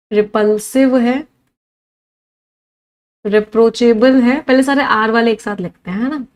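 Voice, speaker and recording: A woman's voice: on the high side, a little mellow, poor audio. Indian woman teaching English vocabulary. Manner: lists words one by one, quizzes students. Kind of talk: online vocabulary lesson.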